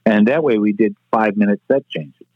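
A man in his sixties, a retired stage manager, tells stories in a brash, profane way during a casual storytelling interview. His voice is lowish and brisk, and the recording is dry, like a tinny phone line.

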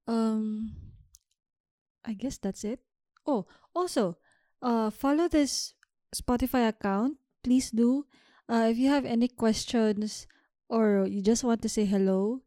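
Young woman, solo podcast host, chatty and upbeat, mellow warm voice, dry close mic. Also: a little high, dry recording. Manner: chatty, upbeat, laughs at own slips. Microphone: home podcast mic.

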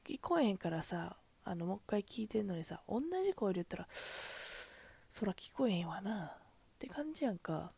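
A woman's voice: mid-range voice, very animated, a little fast, creaky, mellow, slightly rough. A woman with a Kansai accent, a cashier, venting in a chatty, exasperated way about customers at the register. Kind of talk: casual venting monologue.

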